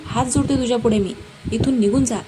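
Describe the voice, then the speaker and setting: A woman's voice: fairly high pitch, fairly quick, natural voice. A woman voicing a flustered but stubborn young woman who scolds sharply, over a noisy background.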